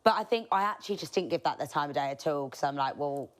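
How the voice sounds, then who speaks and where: A woman, hosting a podcast and chatting in an expressive, jokey, dramatic way. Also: deep voice, fast. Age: 20s. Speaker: podcast host. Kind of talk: casual chat.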